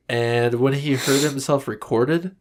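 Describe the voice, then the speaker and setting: A man's voice: mid-range voice, slow, vocal fry. A man co-hosting a comedy podcast in casual, jokey chat, acting out little scenes as he talks. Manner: animated, jokey, acts out scenes. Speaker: podcast co-host.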